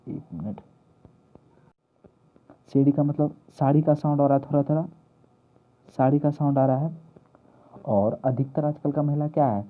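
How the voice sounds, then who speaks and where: A man teaching exam mnemonics, repeating key words and asking questions he answers himself. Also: mid-range voice. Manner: repetitive, asks questions and answers them himself. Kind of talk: mnemonic lesson for exam prep. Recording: tinny phone-like lo-fi audio.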